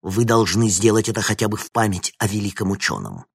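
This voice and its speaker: A man voicing a cold, predatory male scientist who speaks in a slow, threatening tone. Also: lowish voice, sing-song, vocal fry, husky, dry recording, studio quality, heavily acted.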